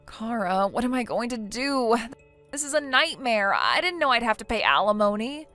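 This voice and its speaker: A woman's voice: a little high, big pitch swings, normal speed, pushed and bright, soft background music. A synthetic woman voicing a whiny, defensive wife. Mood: anxious. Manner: whiny, hesitant. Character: defensive, self-pitying young wife.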